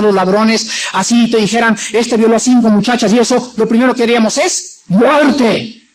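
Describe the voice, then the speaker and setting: A man preaching a sermon in a church, dramatic, acting out quoted voices and moving between loud and soft. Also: extremely high pitch, slight background noise, rough recording.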